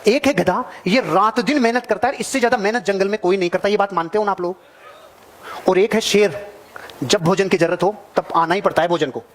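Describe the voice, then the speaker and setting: Male motivational seminar speaker, high voice, rapid emphatic delivery, works the crowd. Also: slight background noise. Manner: emphatic, repetitive, addresses audience directly. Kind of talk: seminar speech to a live audience.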